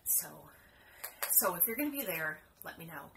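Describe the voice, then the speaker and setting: Woman vlogger, chatty and excitable, casual home talk, noisy background. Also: lowish voice, moderate pace. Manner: chatty, excitable, self-deprecating. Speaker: cross stitch vlogger. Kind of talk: casual chat to camera. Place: home room.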